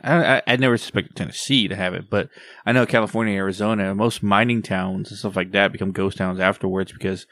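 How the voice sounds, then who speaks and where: A man's voice: fairly low pitch, fairly even intonation, fast, few pauses, fairly bright tone, dry recording. Man, 30s, podcast co-host, easygoing and loose-tongued, dry close mic. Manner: laid-back, swears casually, trails off. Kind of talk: casual podcast chat.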